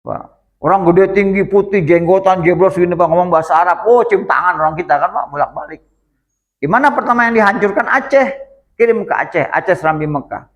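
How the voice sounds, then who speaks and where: A male Islamic teacher giving a religious study lecture in a prayer room, storytelling in a lively way and often addressing his listeners directly. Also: high voice, fairly quick, dull audio.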